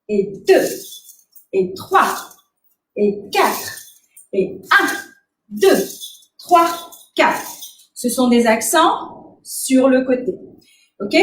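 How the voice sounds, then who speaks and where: A woman dance instructor calmly explaining moves and counting out the beats for her class. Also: high voice, a little hiss or hum. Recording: roomy, from a distance, faint ambience.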